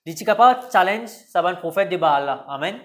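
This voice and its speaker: A man's voice: high voice, lively intonation, a little fast, a bit bright. Man preaching. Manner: preaching with repeated calls of "Gloire à Dieu" and "Amen". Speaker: pastor. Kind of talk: sermon.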